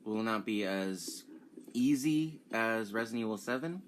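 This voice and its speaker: A young man giving casual commentary as he reacts to a game demo, excitable and breaking into sudden exclamations. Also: on the low side, normal speed, a little hiss or hum. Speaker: gaming YouTuber reacting to a demo.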